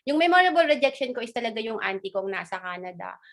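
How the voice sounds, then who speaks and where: A woman with a fairly high voice talks casually on a video call. She is chatty and animated, and she drops in quick asides as she goes. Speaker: guest speaker. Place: abroad, in Australia.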